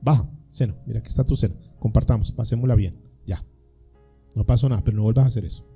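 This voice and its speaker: A man's voice: a little high, moderate pace, faint music behind. A man doing a firm, stern father. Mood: gentle. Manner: firm, calm. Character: stern but loving father.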